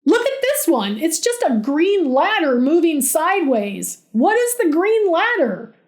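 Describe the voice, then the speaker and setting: A woman voicing a panicky, cocky adult boyfriend who yells and whines. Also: very animated, a little slow, exaggerated voice. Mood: frantic. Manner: yelling, frantic, high-strung.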